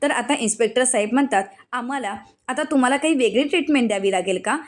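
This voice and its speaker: A woman's voice: a little high, fast. A woman with a Marathi accent narrating a TV serial recap, reading every character's lines in her own voice.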